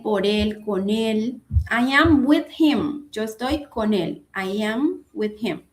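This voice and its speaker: A woman giving an online English grammar lesson, patiently repeating and spelling out each example. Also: fairly high pitch. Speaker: English teacher.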